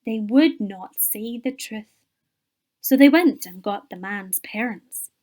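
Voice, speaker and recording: A woman, a Sunday school teacher telling a Bible story to children with expressive, whispered moments. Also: on the high side, slow.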